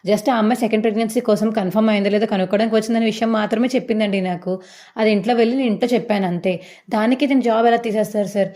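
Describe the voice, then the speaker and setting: An anxious, protective older sister, as a woman puts her on apologizes rapidly for her sibling. The voice is low-lit and mellow. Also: fairly even intonation, close to an everyday voice. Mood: apologetic.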